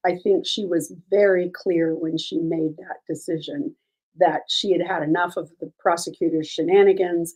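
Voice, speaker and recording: A woman's voice: sits low, a little mellow, slightly rough. A woman host with a scratchy voice, chatting casually on a livestream about court cases and answering chat questions, with many ums and restarts. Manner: many ums and restarts, measured legal opinions.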